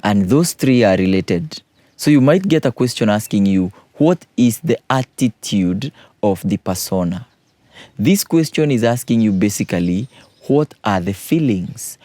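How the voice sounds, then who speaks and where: A man's voice: lowish voice, animated, a little slow, mellow, dry recording. A man, a teacher patiently explaining poetry exam questions and repeating key points.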